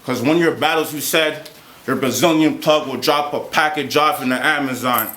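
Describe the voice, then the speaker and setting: A man delivering a confrontational battle rap verse live, steady rhymes with the odd stumble and laugh. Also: on the high side, normal speed. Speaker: battle rapper. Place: live battle rap event in a roomy venue. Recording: roomy live venue with crowd noise.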